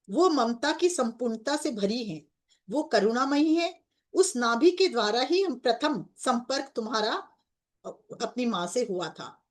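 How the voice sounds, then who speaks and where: A woman guiding a group meditation in a devotional tone, with English words mixed into her speech. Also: a little high. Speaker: meditation guide. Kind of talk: guided meditation.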